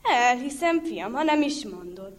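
A woman's voice: on the high side, big pitch swings. Woman doing a gullible fairy-tale king. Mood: indulgent. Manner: indulgent, repeating "I believe it". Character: gullible old king, later furious. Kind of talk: folk tale reading.

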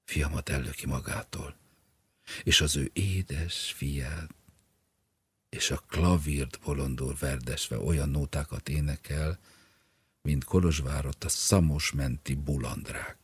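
Man voicing a sorrowful male scholar, hushed, very low, raspy, audiobook. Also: steady tone, full character voice. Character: grieving troubled male scholar. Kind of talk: audiobook reading.

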